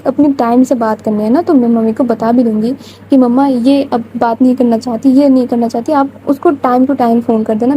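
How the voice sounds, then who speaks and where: Woman voicing a gentle young woman in love. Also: on the high side, dull audio, a little hiss or hum, close to an everyday voice.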